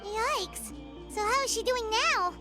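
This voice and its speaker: A woman voicing a small, excitable female fairy companion in a video game, exclaiming and teasing. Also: very high-pitched, slow, full character voice. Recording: game audio with loud music.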